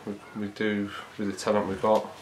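The football manager, a man in his thirties, sounds reflective and measured after the match, filling pauses often. A very low, monotone voice carries this post-match interview, backed by faint ambience and slight noise in a small indoor press room.

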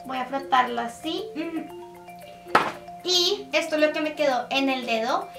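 A woman's voice: high-pitched, a little slow, creaky. A young woman hosting a casual makeup tutorial, chatty and explaining step by step with lots of diminutives. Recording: echoey room, a bit distant, faint music.

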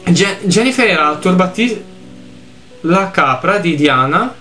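A young man from Italy doing let's play commentary, excitable and quick to swear as he reads game text aloud. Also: high-pitched, faint music behind. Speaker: gaming YouTuber.

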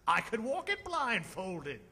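An actor in a live staged radio drama playing a frightened, stammering old miser who pleads hesitantly. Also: male voice, high-pitched, huge pitch swings, slow pace, sharp tone, breathy edge, big-room sound, exaggerated voice. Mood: wondering, wistful. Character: frightened, quavering old miser Ebenezer Scrooge. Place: on a theatre stage. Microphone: stand microphone with pop filter.

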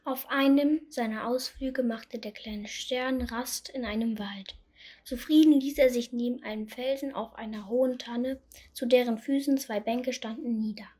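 A woman reading a Christmas fairy tale aloud in a calm, soft storytelling manner. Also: on the high side, moderate pace, breathy edge.

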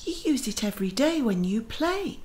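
Playing a kindly magical garden auntie, a woman leads a children's guided meditation in a gentle, inviting, soothing voice that often drops to a near-whisper. Her voice is a little high and sing-song, at a normal speed, with music in the background.

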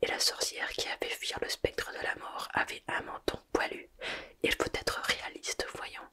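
A woman's voice: normal speed, bright, forceful tone, natural voice. A woman voicing a vain, evasive middle-aged male wizard professor, whispering hesitantly in a whispered role-play.

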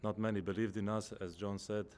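A man in his thirties with a very deep, even voice answers post-match questions as a footballer. He speaks in a measured way and often pauses to search for the right words. He is heard at a table microphone in an indoor press room. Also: clean tone. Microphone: table microphone in front.

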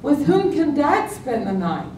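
Reading a humorous poem at an open mic in a library meeting room, this older female poet speaks slowly and playfully from a podium, her pitch animated and her lilt lively. Captured by a stand mic and a far-off camera, the audio is roomy and distant, with echo and a faint rumble.

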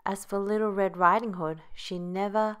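A woman narrating a children's bedtime story in a gentle, measured read-aloud manner. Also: mid-range voice, fairly even intonation, clean tone.

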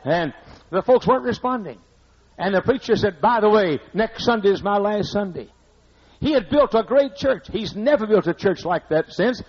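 High-voiced older pastor preaching bluntly. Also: male voice, animated, moderate pace, husky. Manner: blunt, scolding, conversational preaching with asides. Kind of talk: sermon. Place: church sanctuary. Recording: muffled lo-fi archive recording.

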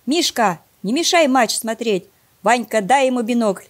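A woman voicing an exasperated father who shouts at his sons in a children's story. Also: fairly high pitch, expressive, normal speed. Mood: irritated. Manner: loud, exasperated.

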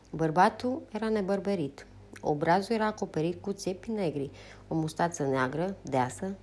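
A woman narrating a novel as an audiobook in a steady, unhurried reading. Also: mid-range voice. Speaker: audiobook reader.

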